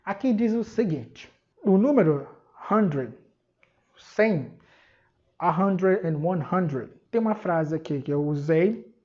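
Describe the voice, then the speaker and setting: A woman with a Brazilian Portuguese accent teaching a pronunciation lesson, slowly repeating English words for learners. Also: fairly low pitch, animated. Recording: dull lo-fi recording.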